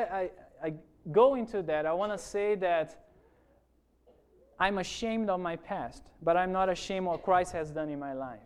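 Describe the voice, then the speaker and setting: Preaching in church, a male pastor whose first language is Portuguese speaks with a Brazilian accent and a high, clean-toned voice. His sermon testimony is earnest, and he keeps turning to the congregation with "amen?"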